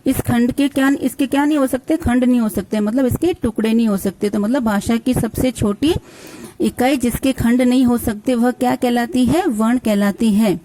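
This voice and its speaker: A woman's voice: on the high side, normal speed, mellow. A woman teaching a school grammar lesson, spelling words out sound by sound and answering her own questions for the children. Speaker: Hindi teacher.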